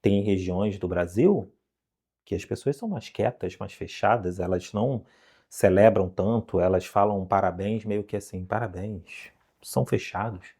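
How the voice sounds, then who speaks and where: A man from Brazil teaching an online English lesson, animated and coaxing, full of rhetorical questions. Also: lowish voice, moderate pace, slightly rough.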